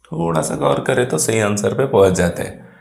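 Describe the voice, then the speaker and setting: A man's voice: medium pitch, lively intonation, normal speed, vocal fry, darkish tone. A man teaching an exam-prep lesson, explaining English words in Hindi and quizzing his pupils. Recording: echoey room.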